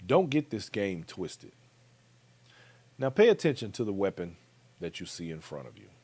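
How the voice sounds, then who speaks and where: An American man delivers commentary with an emphatic, direct manner, often addressing his viewers. His pitch swings widely as he speaks. The sound is dry and close, with no room around it. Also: sing-song, moderate pace, mellow, slightly rough, dry recording. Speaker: commentary show host. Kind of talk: talk-show commentary.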